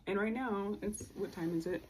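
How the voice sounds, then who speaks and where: A woman's voice: mid-range voice, normal speed, a little mellow, a little hiss or hum, rough recording. A tired woman rambling sadly through a casual rant with many fillers, close to mumbling. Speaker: upset customer posting a video.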